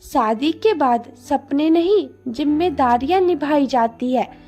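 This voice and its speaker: A woman's voice: high-pitched, lively intonation, slow pace, darkish tone, soft background music, heavily acted. Woman doing a cold controlling young husband. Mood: stern. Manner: stern, dismissive.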